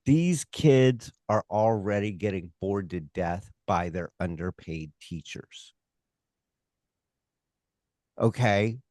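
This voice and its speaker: Slow-paced American man, low voice. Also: darkish tone, dry recording, studio quality. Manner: emphatic, opinionated, halting with repeated rhetorical asides. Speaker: stage hypnotist and comedy performer, interview guest. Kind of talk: casual interview talk.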